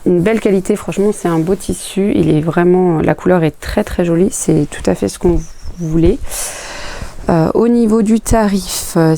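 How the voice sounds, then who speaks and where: Low, gravelly woman chatting to camera. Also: mellow, a little hiss or hum. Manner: chatty, explains each item plainly. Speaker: sewing vlogger. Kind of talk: casual unboxing chat to camera.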